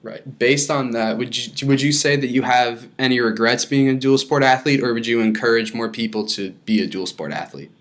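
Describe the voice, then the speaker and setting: A man hosting a podcast, asking interview questions in a friendly, slightly halting way. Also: medium pitch, fairly bright tone. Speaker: podcast host. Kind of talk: interview questions and casual chat.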